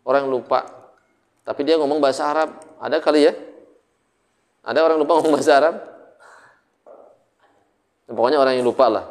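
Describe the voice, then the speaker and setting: A man with an Indonesian accent teaching Arabic grammar in a casual classroom lesson, joking and often asking his students questions. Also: on the high side.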